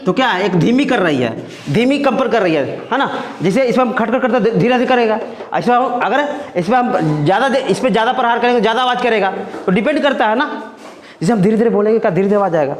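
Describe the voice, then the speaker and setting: A man's voice: sits high, lively intonation, quick pace, slight background noise. A male teacher giving a classroom science lesson, talking conversationally with students, repeating himself and checking in with questions. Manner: conversational, repeats phrases and asks "है ना?" often. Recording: echoey classroom.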